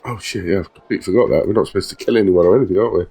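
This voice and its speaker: Deep, creaky-voiced man. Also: rapid-fire, mellow. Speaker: tabletop game player. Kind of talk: casual chat.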